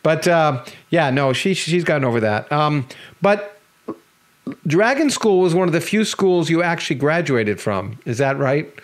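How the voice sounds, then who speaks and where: A middle-aged man, hosting a podcast in a chatty way, quick to agree and laugh along. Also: on the high side, big pitch swings. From Canada. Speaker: podcast host. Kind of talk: casual interview conversation.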